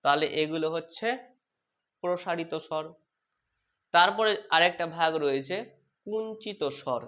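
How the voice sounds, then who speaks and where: A man teaching a lesson, who asks questions and then answers them himself, repeats terms slowly and corrects his own slips aloud. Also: fairly high pitch, bright, forceful tone. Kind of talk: exam-prep lesson on vowel sounds. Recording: dull lo-fi sound.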